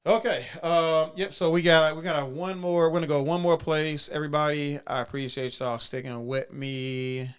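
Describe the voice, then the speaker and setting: A man's voice: fairly high pitch, steady tone, moderate pace, hardly any pauses, clear, resonant tone. A man hosting a casual livestream podcast, rambling with many fillers and restarts. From Chicago. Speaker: podcast host.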